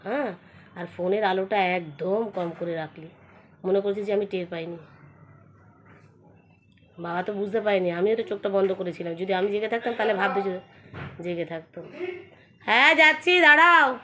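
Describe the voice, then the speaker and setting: A woman's voice: medium pitch, fairly even intonation, normal speed, long pauses, darkish tone, a little hiss or hum. A woman, chatting with her family at home in a casual vlog, teasing and scolding. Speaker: family vlogger.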